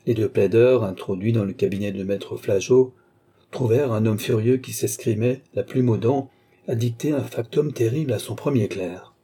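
Man reading a classic novel; husky, mellow tone, steady delivery. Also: fairly low pitch, normal speed. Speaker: audiobook narrator.

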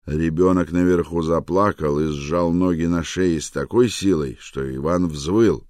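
A man narrating an audiobook with an even, measured delivery. His voice is very low and deep. The recording is close and dry, with no room sound. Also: no room sound. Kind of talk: scripted narration.

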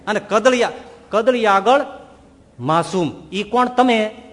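A man's voice: sits high, unhurried, slight background noise. A man giving a spoken sermon, telling stories and asking rhetorical questions, acting out the voices of the people in them. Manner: animated, rhetorical questions, acts out quoted voices. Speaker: swami giving a religious discourse. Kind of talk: sermon storytelling. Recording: long hall reverb.

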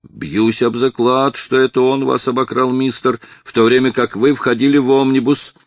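A man's voice: medium pitch, flat delivery, normal speed, dry recording, voice pushed up, close to an everyday voice. A man reading the part of a burly, sly pickpocket who blusters and threatens. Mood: blustering.

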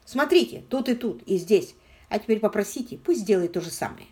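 A woman's voice: mid-range voice, expressive, fairly quick, darkish tone, close to an everyday voice. A woman doing an urgent, heated young man. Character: determined young man, wrongly accused.

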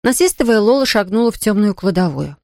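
A woman narrating a children's story in an expressive, steady way. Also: mid-range voice, fast talker, no room sound, studio quality.

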